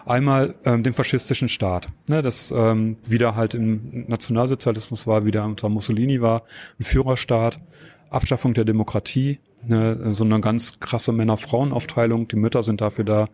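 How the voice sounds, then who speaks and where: A man answering interview questions, explaining at length and pausing often with fillers and tag questions. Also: mid-range voice, fairly even intonation, a little mellow. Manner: hesitant, many filler sounds and tag questions. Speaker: interview guest.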